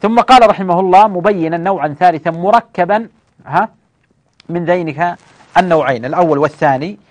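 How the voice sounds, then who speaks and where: Fairly high-voiced man lecturing a class. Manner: explains patiently, often checks understanding with "clear?"; frequent hesitations and restarts. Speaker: teacher of hadith sciences.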